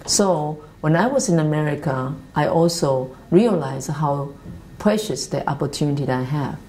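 A Taiwanese woman in her fifties, with a Taiwanese accent, speaking earnest, halting English with restarts as she tells her life story, seated in an office meeting room. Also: sits low, expressive, warm tone, a little hiss or hum, poor audio. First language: Mandarin Chinese. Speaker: interviewee. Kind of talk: reflective life-story interview.

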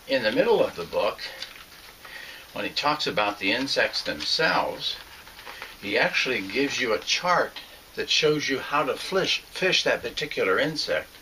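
A man's voice: lowish voice, bright, forceful tone, a little hiss or hum. An older man teaching a fly fishing lesson at home, talking in a plain, earnest way with some fillers and restarts. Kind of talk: instructional narration. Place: small home room with shelves.

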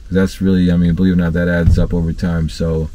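Talking quickly from his parked van, a man in his thirties who runs an HVAC channel offers casual work tips to the camera over slight background noise. He speaks in a deep, mellow voice, easygoing and chatty, frequently using fillers and starting his sentences over.

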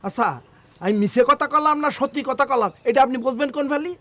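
A gruff touchy old villager. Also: male voice, extremely high pitch, bright, forceful tone. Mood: indignant. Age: older. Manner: blunt, quick to take offence. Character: gruff older village man, touchy and blunt. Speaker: customer at a phone shop.

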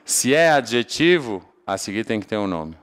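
A man from Portugal with a European Portuguese accent teaches an English grammar class, posing his own questions and then answering them. His lowish voice has a sing-song quality, a moderate pace, and a clean, slightly bright tone.

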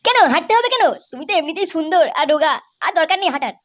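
Woman doing a cocky young guy, boastful, giggly, high and quick, faint hiss. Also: expressive, fairly bright tone. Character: cocky young man, local show-off. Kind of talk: comic cartoon voice acting.

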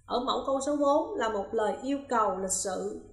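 A woman teaching English in a recorded lesson, her voice sitting fairly high. She reads each example slowly and distinctly, then explains the answer in a steady, methodical way. The sound is roomy, with a noticeable echo. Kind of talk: recorded classroom lesson, explaining grammar exercises. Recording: roomy, echoey room.

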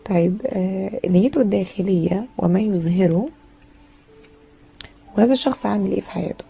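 A woman's voice: medium pitch, a little fast, vocal fry, warm tone, breathy edge. A woman with an Egyptian Arabic accent giving a chatty, casual tarot reading full of fillers and teasing asides. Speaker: tarot reader.

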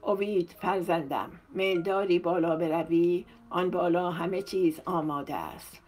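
A woman narrator voicing a brisk, hard-working older mother in an audiobook. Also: lowish voice, steady tone, natural voice. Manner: brisk, briefly gentle. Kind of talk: audiobook character reading.

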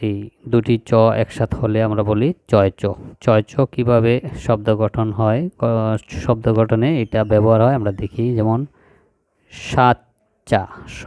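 A man teaching young children to read, spelling out each syllable slowly and repeating every word. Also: on the low side, darkish tone, clear, resonant tone, no room sound, studio quality. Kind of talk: slow phonics lesson for young children.

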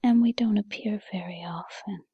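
A woman playing a gentle, patient fairy godmother in a whispered role-play, with a breathy whisper and a soothing, encouraging manner. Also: mid-range voice, no echo, lo-fi sound. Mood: gentle, reassuring. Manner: soothing, encouraging, unhurried second-person address.

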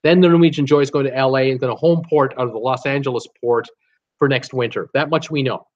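Speaking fast at a medium pitch, this man in his sixties runs a livestream for his cruise travel YouTube channel from an indoor home office stocked with cruise mugs. He rambles and chats, reads out viewer comments, gestures animatedly with his hands, and leans heavily on "uh" fillers. The audio has its high frequencies cut off.

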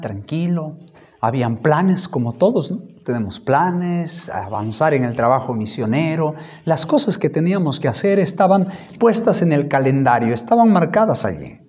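A pastor in his thirties giving a sermon testimony, telling his story with lively acted-out dialogue. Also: mid-range voice. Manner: animated storytelling, acting out dialogue.

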